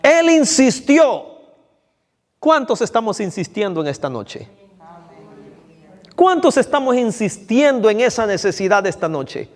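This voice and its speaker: A man's voice: sits high, sing-song, moderate pace. A man preaching an evening sermon to his congregation, speaking to them directly and repeating phrases for emphasis. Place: church hall. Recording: long reverb of a church hall.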